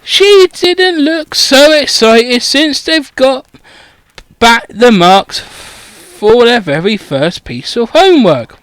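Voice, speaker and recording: A man narrates a parody audiobook, swearing freely and breaking off to chat. His delivery is unhurried, with a voice that rises and falls a great deal. The sound is close and dry. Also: very high voice, sing-song, fairly bright tone, clear, resonant tone, no room sound. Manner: sweary, rambling asides. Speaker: comedic audiobook reader.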